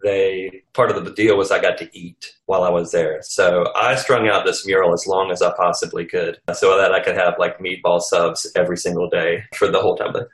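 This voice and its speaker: Deep-voiced man telling stories in an echoey room. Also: brisk, hardly any pauses. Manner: animated, rambling storyteller. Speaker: guest. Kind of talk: casual storytelling interview.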